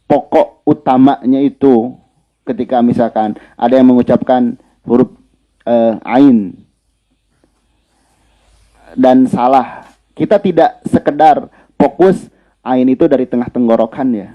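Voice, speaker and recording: A man teaches Quran recitation in a relaxed, conversational lesson. His voice is mid-pitched, and he circles back to repeat his points. The recording is dull and lo-fi. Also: unhurried, pauses often. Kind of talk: religious lesson.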